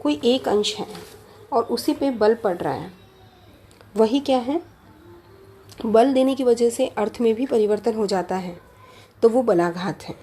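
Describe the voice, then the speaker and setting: A woman's voice: fairly high pitch, unhurried, long pauses, dark tone, slight background noise. A woman teaching a lecture on language, explaining step by step, repeating key terms and asking rhetorical questions. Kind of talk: lecture on Hindi phonology.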